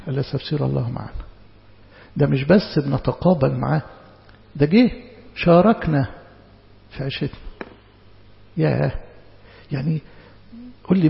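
A man preaches with an Egyptian accent in a gravelly, slightly high voice. He talks to his listeners conversationally and keeps asking rhetorical questions. The sound is dull, with a long reverb from a hall. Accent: Egyptian Arabic. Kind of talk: sermon.

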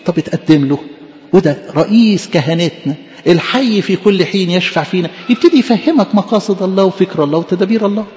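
A man's voice: high-pitched, fast talker, darkish tone, in a large hall, lo-fi sound. A man preaching a fervent sermon as a priest, emphatic and repeating phrases for stress, with an Egyptian accent. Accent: Egyptian Arabic.

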